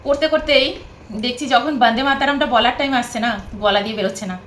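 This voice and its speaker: A woman vlogs from her bed at home, chatting casually to the camera, rambling and repeating herself. Her voice sits high and a bit bright, and she talks fast. The sound is roomy, with a little hiss or hum.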